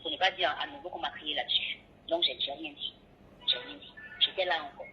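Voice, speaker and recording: A woman's voice: sits low, a little fast, slightly rough. A woman, a radio and TV presenter, tells her story in a phone interview and acts out each voice in the dialogue. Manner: lively retelling that acts out every voice in the dialogue. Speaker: radio and TV presenter recounting an ordeal. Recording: tinny phone line.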